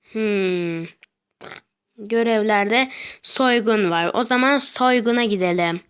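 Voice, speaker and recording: A young woman giving casual, excitable commentary while playing a video game, swinging between cheering and complaining. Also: mid-range voice, takes it slowly, clear, resonant tone. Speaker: gameplay commentator.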